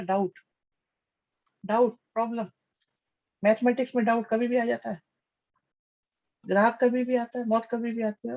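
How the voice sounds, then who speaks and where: Heard through dull audio, a man teaches maths in a live online class with a very high-pitched, darkish voice. He addresses students as "beta," calls their names, praises their answers and echoes his questions back.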